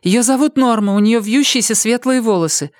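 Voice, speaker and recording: A narrator voicing a calm, practical young mother in an audiobook, giving brisk instructions in a lifted voice. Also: medium pitch, dry recording, studio quality, voice pushed up, lightly acted.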